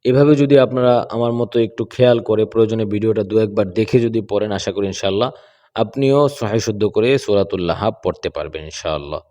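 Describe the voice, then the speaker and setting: A man teaching Quran reading, chanting verses slowly and drawn out, then explaining common mistakes in quick asides. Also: on the low side, warm tone, in a large hall. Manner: slow drawn-out chanted recitation broken by quick corrective explanations.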